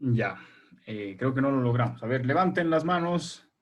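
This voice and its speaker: Husky-voiced man teaching a class online. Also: medium pitch, lively intonation, normal speed. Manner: patient, explains step by step and quizzes pupils. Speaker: primary school teacher. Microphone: video call.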